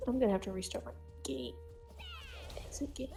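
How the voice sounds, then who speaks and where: A woman's voice: medium pitch, very animated, brisk, mellow, faint music behind. A woman chatting casually as a player in an online game voice chat.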